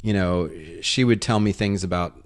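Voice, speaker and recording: A man co-hosting a podcast, telling rambling, animated anecdotes in casual chat. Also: sits low, moderate pace. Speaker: podcast co-host.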